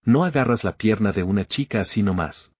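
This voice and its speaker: A mischievous teenage girl, bold and teasing, as a male narrator reads her. The voice stays low and husky, with a dry, close sound. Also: expressive, brisk, darkish tone, no echo.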